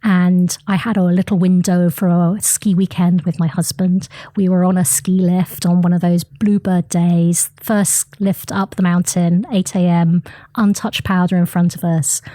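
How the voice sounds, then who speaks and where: A woman's voice: on the low side, no echo. A middle-aged woman telling her career story as an interview guest, chatty, with many ums and uhs. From United Kingdom. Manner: chatty, frequent ums and uhs, animated retelling. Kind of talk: interview conversation.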